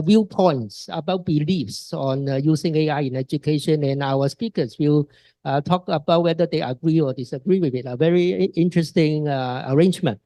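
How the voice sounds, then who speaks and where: A man moderating a forum, laying out the session plan in a halting way full of fillers. His voice sits a little high but sounds mellow and soft-edged, recorded close and dry. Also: dry recording. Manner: hesitant, many fillers. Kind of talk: panel introduction.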